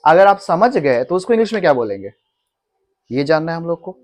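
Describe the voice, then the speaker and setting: Male coaching teacher in a classroom, quizzing and correcting his pupils in steady call-and-response drills. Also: fairly high pitch, brisk. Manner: repeats and corrects words patiently. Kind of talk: classroom lesson in mixed Hindi and English. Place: classroom with a board.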